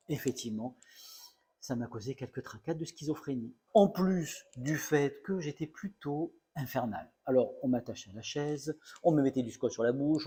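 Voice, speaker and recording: A man's voice: medium pitch, dark tone, slightly rough. A middle-aged male comedian telling a self-mocking story in a mock-serious, playfully exaggerated comic monologue.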